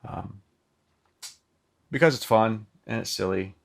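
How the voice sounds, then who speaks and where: Slow and lowish with vocal fry, a man's voice carries a relaxed, chatty synth demo peppered with ums and loosely worded lines. The microphone he uses is plugged into the synth itself.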